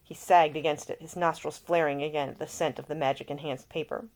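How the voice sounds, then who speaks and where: The audio quality is poor, but you can hear a woman's low, slightly mellow voice moving a bit fast with fairly even intonation. At home, she informally presents her own fiction, then narrates it expressively like an audiobook.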